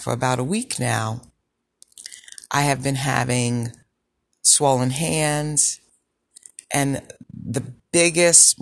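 Female podcast host, sultry low voice, gravelly edge, slow reflective monologue. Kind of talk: personal health podcast monologue.

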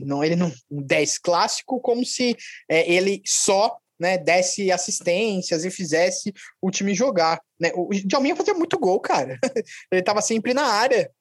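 A man's voice: high voice, dry recording, studio quality. A Brazilian man chatting casually and effusively about football as a co-host, often adding tag questions. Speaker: podcast co-host.

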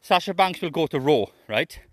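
A man's voice: fairly high pitch, animated, normal speed, no room sound, clean studio sound. A middle-aged man hosting a podcast, chatting casually and unscripted in a blunt, opinionated way. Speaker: podcast host.

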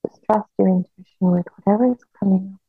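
A woman guiding a hypnosis relaxation in a slow, soothing hypnotist manner with long pauses, on a narrow phone-like recording. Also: medium pitch, slightly rough, no room sound.

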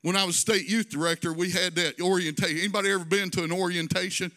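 A man's voice: sits high, fairly even intonation, fast talker, sharp tone. A male pastor preaching a conversational sermon, drawing phrases out in a sing-song and adding folksy asides.

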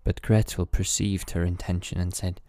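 Deep, calm man reading a bedtime story. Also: moderate pace, dry recording.

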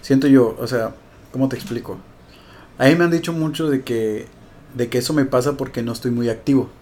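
A man with a Mexican accent hosting a casual podcast, slangy and quick to laugh. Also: mid-range voice, dark tone. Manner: laughs often, slangy and reactive. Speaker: podcast host.

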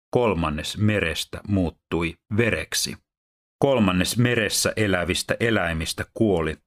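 A man with a very low, deep voice reads scripture aloud. His delivery is steady and measured, like a Bible reading in a sermon. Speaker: Bible reader and teacher.

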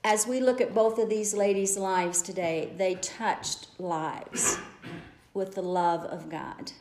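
Speaking slowly in a mid-range, slightly mellow voice with fairly even intonation, a woman lay preacher addresses a women's gathering in a church sanctuary. Her message is earnest and exhorting, driven by repeated phrases, and the echoey room carries slight background noise.

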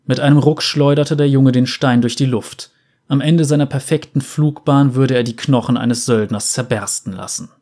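A man reading a dark fantasy story aloud in a measured, dramatic way. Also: medium pitch, steady tone. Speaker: narrator.

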